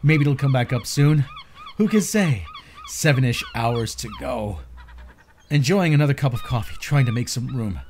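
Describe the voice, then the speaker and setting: A man's voice: mid-range voice, lively intonation, moderate pace, darkish tone, a little hiss or hum. A man giving an informal, slangy, theatrically exasperated reading of social media posts.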